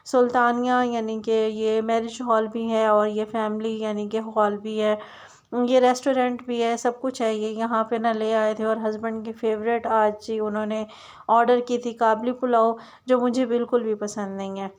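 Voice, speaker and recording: A woman's voice: a little high, flat delivery, moderate pace, a little mellow. A young adult woman chatting in a rambling way as she narrates her daily home vlog, with many fillers and restarts. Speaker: vlogger.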